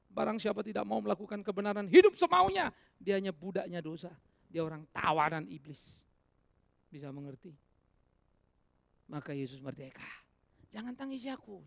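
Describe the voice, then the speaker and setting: A male pastor with a high voice and vocal fry preaches a sermon at a fairly quick pace, pausing often. He swings between loud exhortation and hushed asides and keeps asking the congregation rhetorical questions, with no echo in the recording.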